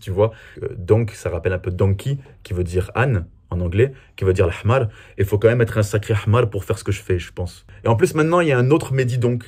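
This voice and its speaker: A French comedy video creator answers viewer questions in a casual Q&A vlog, staying chatty and poking fun at himself. His voice is fairly low and husky with a darkish tone.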